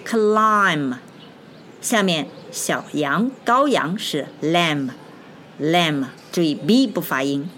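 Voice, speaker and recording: A woman teaching an English phonics lesson, speaking slowly and deliberately, spelling out letters and repeating each word. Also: sits low, sing-song, a little hiss or hum.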